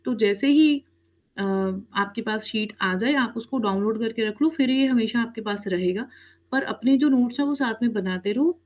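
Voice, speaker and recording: A woman with a fairly high, slightly mellow voice speaks at a moderate pace. She's an online Korean teacher who mixes English into her speech and keeps checking with the class. "Beta" is how she addresses students, and "theek hai?" comes up often.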